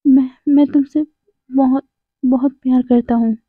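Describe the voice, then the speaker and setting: A woman's voice: sits high, steady tone, dry recording. Woman voicing a tearful, stammering young man. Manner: sobbing, halting, stammering. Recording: tinny phone-like dry sound.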